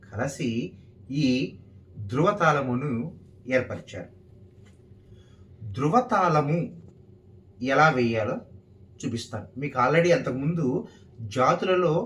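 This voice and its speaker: A man's voice: mid-range voice, a bit bright. A man teaching dance rhythm, counting beats aloud one syllable at a time as he explains each pattern. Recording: roomy, from a distance.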